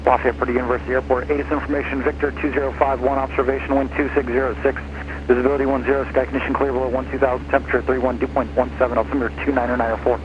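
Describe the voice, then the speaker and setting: A male voice reading an airport weather broadcast, heard over a cockpit radio with a flat, clipped readout of figures. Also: mid-range voice, rapid-fire. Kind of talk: recorded information broadcast. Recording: muffled radio over engine noise.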